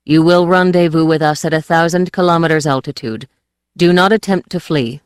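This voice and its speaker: A calculating female alien commander, read out by an audiobook narrator, speaks in a flat, formal voice. Her threats are delivered without heat, at an ordinary pitch. The sound is close and dry. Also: fairly quick, clean tone, no room sound, natural voice. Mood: coldly formal. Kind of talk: audiobook character voice.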